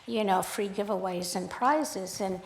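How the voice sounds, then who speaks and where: A woman's voice: medium pitch, measured pace. Chatty woman telling stories in an echoey room. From United States, grew up in Sacramento. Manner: chatty, animated, acts out quoted dialogue. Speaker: photographer giving a guest talk. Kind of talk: casual storytelling talk. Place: art club event room.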